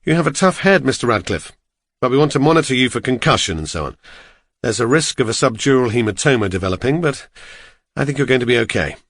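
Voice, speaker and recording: A man reading an audiobook, voicing a calm male doctor who speaks in a matter-of-fact, reassuring way. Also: medium pitch, fast talker, no echo, clean studio sound. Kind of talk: audiobook character voice.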